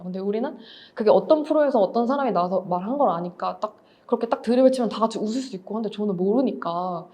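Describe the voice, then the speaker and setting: Fast-talking woman, mellow voice. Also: mid-range voice, dull audio. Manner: candid, reflective, explains with everyday examples. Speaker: author and writing teacher. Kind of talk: lecture talk.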